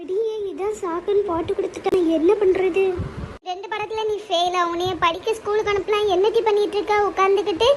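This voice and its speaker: A fretful cartoon mother scolds her two teenage daughters, voiced by a woman. Her voice sits very high and turns shrill as she frets. It is a lively family comedy, played close to the mic. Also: brisk, slight background noise. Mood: scolding. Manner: shrill scolding, rising when upset.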